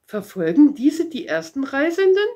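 A woman voicing the little prince, a gentle, curious boy, asking earnest questions in a storybook read-aloud. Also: high voice, very animated, normal speed, voice pushed up.

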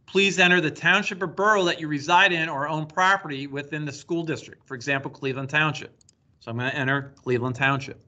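Man, technology coordinator type, bright and a touch high, steady instructional screen-recording read. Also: fast talker, highs cut off. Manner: plain step-by-step instructional delivery. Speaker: school district technology coordinator. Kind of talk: screen-recorded tutorial walkthrough.

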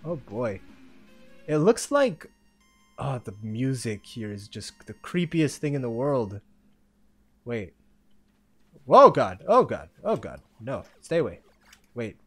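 A gamer giving excitable let's-play commentary, reacting aloud and talking to themself, with faint game music behind. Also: mid-range voice, breathy edge. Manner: excitable, reacts loudly with exclamations and self-talk. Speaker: gamer playing a Roblox obstacle game.

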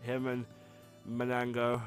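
A man voicing a gruff old male resistance leader from a video game, speaking slowly. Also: mid-range voice, monotone, soft background music, natural voice. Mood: proud.

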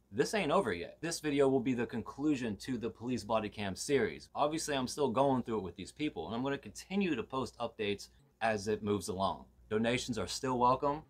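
A man telling his own story in a casual, animated and rambling way, full of restarts and quoted exchanges. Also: mid-range voice. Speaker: tenant vlogger. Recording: noisy outdoor body cam footage.

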